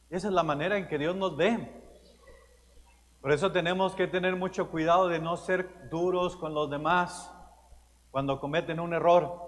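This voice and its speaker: A man's voice: a little high, fairly bright tone. A male pastor giving a Sunday homily, telling stories earnestly and stressing his key words. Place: large church. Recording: long church reverb, faint room noise.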